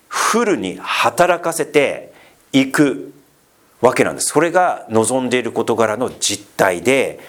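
A man preaching a casual, conversational sermon as pastor, full of fillers and asides, asking the congregation questions and teasing them. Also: mid-range voice. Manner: chatty, asks the congregation questions and teases them.

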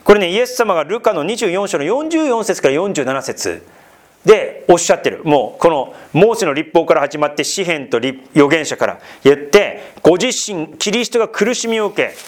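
A man's voice: on the high side, moderate pace. A man preaching an expository Bible sermon, talking to his listeners with questions and asides. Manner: lively, rising and falling delivery with asides to listeners. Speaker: pastor.

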